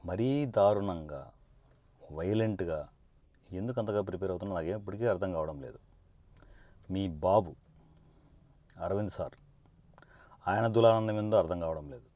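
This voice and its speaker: A politician speaking straight to camera in a confrontational monologue, sarcastic and combative, firing one rhetorical question after another. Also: male voice, low-pitched, normal speed, long pauses, warm tone, no room sound.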